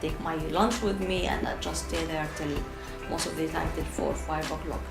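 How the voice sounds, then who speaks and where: Her voice low and gravelly, with fairly even intonation at normal speed, this Syrian freelance translator talks frankly in a relaxed documentary interview, pausing now and then to find words in her second language. She has an Arabic accent, the room echoes, and loud music sits behind her.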